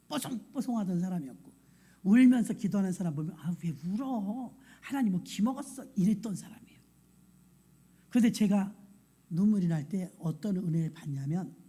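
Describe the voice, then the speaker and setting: A woman's voice: lowish voice, mellow. A woman pastor giving a conversational sermon, acting out little quoted exchanges and laughing now and then. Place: church sanctuary.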